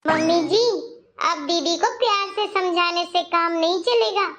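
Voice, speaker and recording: A woman's voice: very high voice, a little slow, crowd noise. A woman voicing a patient, polite young daughter-in-law in a cartoon story. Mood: calm. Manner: calm, polite, quietly firm.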